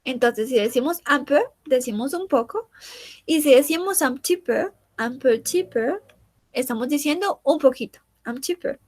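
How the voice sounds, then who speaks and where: Female teacher, high voice, unhurried, repeats and translates each word, dry close mic. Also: animated, darkish tone, no echo. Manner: repeats words slowly, translating each one. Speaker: French teacher. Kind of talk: bilingual language lesson.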